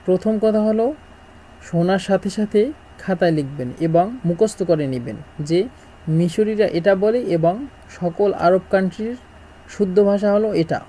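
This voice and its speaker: A middle-aged man from Bangladesh, teaching a language lesson and repeating words slowly as he drills them. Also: sits high, warm tone, slight background noise, rough recording.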